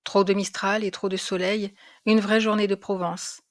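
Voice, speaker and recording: A woman reads a classic tale aloud with measured, expressive phrasing. Her voice sits at an average pitch, and she tells the story steadily in a scripted narration. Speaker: reader of literary classics.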